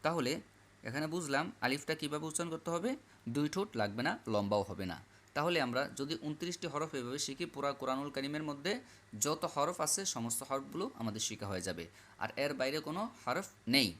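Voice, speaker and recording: A man teaching Quran reading, patiently repeating each letter aloud in a slow classroom style. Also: mid-range voice, lively intonation, a bit bright. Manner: repetitive, drills letters aloud.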